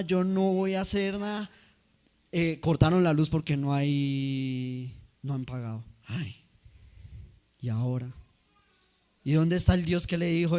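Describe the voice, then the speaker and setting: A man's voice: a little high, a little mellow. A man preaching a sermon in a conversational way, asking the congregation questions.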